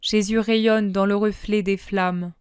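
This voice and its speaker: A woman reading devotional scripture-style narration in a slow, solemn way. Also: medium pitch, level tone, clean tone, dry recording, studio quality. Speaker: audiobook reader.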